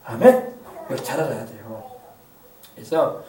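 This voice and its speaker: A male pastor preaching a lively sermon, drawing responses from the congregation and acting out what people say. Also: medium pitch, unhurried, a little hiss or hum. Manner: animated preaching with call-and-response and acted-out quotes. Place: church sanctuary. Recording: echoey church hall from a distant mic.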